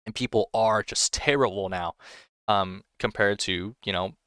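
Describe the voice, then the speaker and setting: Low, smooth-voiced man reviewing a film. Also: a little slow, fairly bright tone, no echo, clean studio sound. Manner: enthusiastic, rambling with frequent "you know" and restarts. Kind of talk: casual film review monologue.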